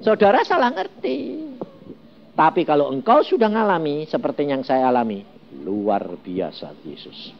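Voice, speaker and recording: Animated preacher, wide-swinging high voice. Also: male voice, unhurried, vocal fry, highs cut off, slight background noise. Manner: animated preaching, rhetorical questions to the congregation. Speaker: pastor. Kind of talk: sermon.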